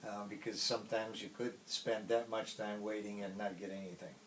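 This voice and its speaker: Man, Polish accent, native Polish speaker, lowish pitch, halting casual interview talk, faint background noise. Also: flat delivery, fairly bright tone, far from the mic, rough recording. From Poland. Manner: halting, pausing often mid-phrase.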